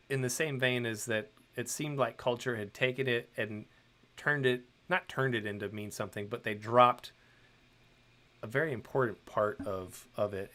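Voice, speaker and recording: A man's voice: mid-range voice, bright, forceful tone. A middle-aged man hosting a livestream, chatting loosely with many ums and restarts while he draws. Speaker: host and illustrator. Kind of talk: livestream chat while drawing.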